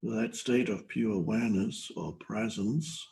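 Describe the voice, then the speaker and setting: Older guy doing a meditation talk, low gravelly voice, slow with lots of pauses. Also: darkish tone, poor audio. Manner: slow, hesitant, with long pauses. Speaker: spiritual teacher.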